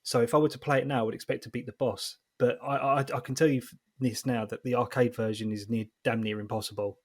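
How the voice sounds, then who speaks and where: A man's voice: medium pitch, fairly even intonation, fast talker, dry recording, clean studio sound. A man in his thirties chatting casually as a podcast co-host, laughing often. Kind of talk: casual chat.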